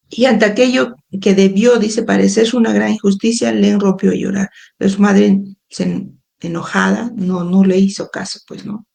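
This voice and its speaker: Woman reading a book out loud for her live club, slow and patient, keeps adding little explanations. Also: mid-range voice, steady tone, vocal fry. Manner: reads slowly, adds frequent explanatory asides. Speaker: educator and book club host. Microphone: phone or webcam livestream.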